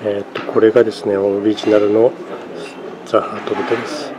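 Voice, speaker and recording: A travel vlogger with a lowish, steady voice talks a little fast, narrating casually and thinking aloud with many fillers as he walks a city and eats. The audio is dull, with a crowd in the background. He's outdoors on city streets and in a cafe, recorded by a camera mic with street noise behind.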